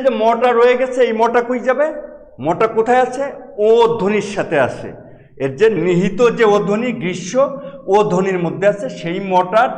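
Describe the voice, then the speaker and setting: High-voiced male teacher in echoey room. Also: a little mellow. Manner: explains step by step, repeats words slowly. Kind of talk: classroom lecture. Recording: echoey room with long reverb.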